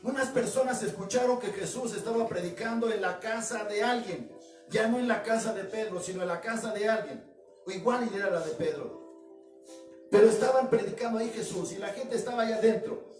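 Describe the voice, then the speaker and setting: A man's voice: high-pitched, a little fast. A man, a pastor delivering a sermon with emphatic, repetitive phrasing that speaks directly to his congregation. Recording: echoey room, distant mic, music behind.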